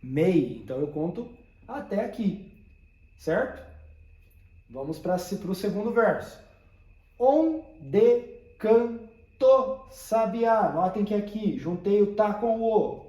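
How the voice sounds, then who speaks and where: A man's voice: sits high, lively intonation, unhurried, long pauses, a little mellow, roomy sound. A man teaching a poetry lesson, explaining step by step and often checking that listeners follow.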